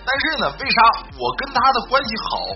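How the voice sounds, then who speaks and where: A man's voice: very high voice, sing-song, fast, creaky. A man telling comic stories in a chatty way, talking to a sidekick and laughing at his own jokes, over a dull recording with music behind. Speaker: joke-telling host. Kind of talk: comic storytelling.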